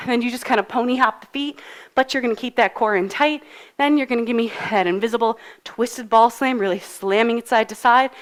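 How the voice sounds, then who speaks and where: A woman coaching a live workout, out of breath while she cues moves and counts down. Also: a little high. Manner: upbeat, encouraging, cues moves while exercising. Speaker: fitness instructor. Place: fitness studio.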